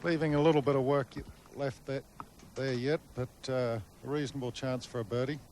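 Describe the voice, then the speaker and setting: A man giving live golf commentary, explaining play in measured, short phrases. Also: medium pitch, fairly even intonation, darkish tone, a little hiss or hum.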